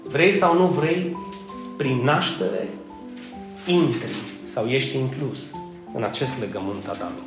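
A man's voice: medium pitch, long pauses, reverberant, over music. A man preaching a conversational sermon, joking and asking the congregation questions.

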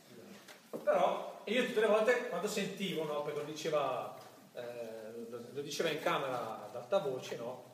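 A priest preaches in a lively way, now and then mimicking the voices of people at prayer. His voice sits fairly high for a man. It is heard from a distant mic in an echoing church, with faint noise behind. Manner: lively, acts out voices of praying people to mock. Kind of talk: sermon-style talk.

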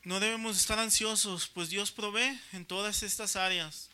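A man's voice: high-pitched, fairly even intonation, moderate pace, pushed and bright, smooth. An older man with a Mexican Spanish accent preaching a sermon in a conversational way, often checking in with his listeners. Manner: conversational, constant tag questions.

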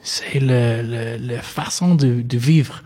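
A man's voice: mid-range voice, takes it slowly, mellow, breathy edge. A young man from England in his twenties, speaking French as a learner with an English accent, hesitant and full of fillers. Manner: hesitant, many fillers and repeated yes. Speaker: interviewee. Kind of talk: casual conversation.

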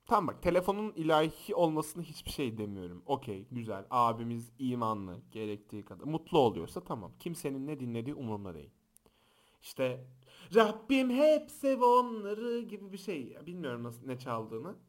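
Lively young man telling stories. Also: mid-range voice, quick pace, hardly any pauses. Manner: animated, acts out quoted shouts and voices. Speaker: podcast host. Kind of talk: casual podcast storytelling. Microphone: close podcast microphone.

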